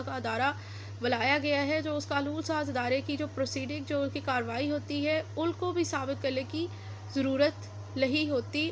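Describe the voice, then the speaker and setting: This high-voiced woman, a law teacher with a Pakistani accent, gives an explanatory lecture in which she reads out statutes and then explains them, switching between Urdu and English. The audio is poor, with a little hiss or hum.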